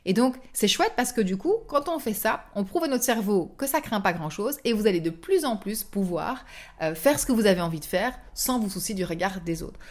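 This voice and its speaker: A woman hosting a motivational podcast, speaking directly to the listener in an animated, coaxing way and acting out inner thoughts. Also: medium pitch, a little fast. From France. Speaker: podcast host and coach.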